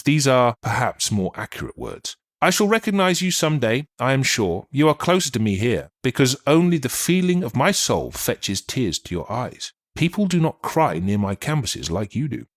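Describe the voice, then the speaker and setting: A man reading as the spirit of a dead old male painter, earnest and heartfelt in an audiobook. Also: mid-range voice. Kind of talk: audiobook reading of a channeled letter.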